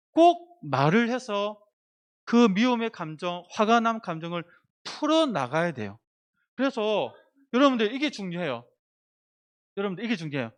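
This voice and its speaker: A man with a high voice gives a sermon to children. He keeps asking them questions and gets them reading aloud and praying along with him. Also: fairly bright tone, clean tone. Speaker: children's pastor.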